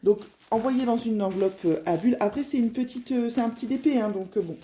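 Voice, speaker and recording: A woman's voice: a little high, quick pace, warm tone. A middle-aged woman with a northern French ch'ti accent chatting casually through a crafting unboxing, rambling with lots of fillers. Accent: Picard (ch'ti, northern French). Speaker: crafting vlogger.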